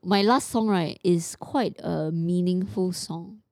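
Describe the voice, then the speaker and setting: On a podcast she co-hosts, a Singaporean-accented woman chats casually, code-switching between English and Mandarin. Her voice sits on the low side and is a little mellow, with a slow pace. The studio-quality recording has no echo.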